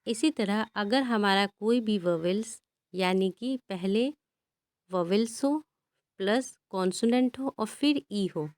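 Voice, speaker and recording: A woman teaching English pronunciation, reading single words one at a time in an even teaching tone. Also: mid-range voice, takes it slowly, dry recording. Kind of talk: slow pronunciation drill, reading word lists.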